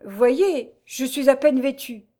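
A woman's voice: high-pitched, slow pace, mellow, voice pushed up. A woman reading as a frightened young noblewoman. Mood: pleading. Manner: pleading, distraught. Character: young noblewoman under arrest, frightened and pleading.

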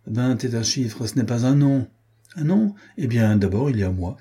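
A man's voice: mid-range voice, lively intonation, moderate pace, warm tone, husky. A man voicing a jealous, hot-tempered young man who challenges his rival. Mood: challenging. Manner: indignant, challenging.

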